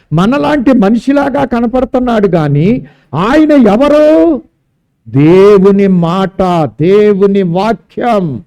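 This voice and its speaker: A man's voice: extremely high pitch, dark tone. A man preaching a sermon at a church service, emphatic and drawing out key words. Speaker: pastor.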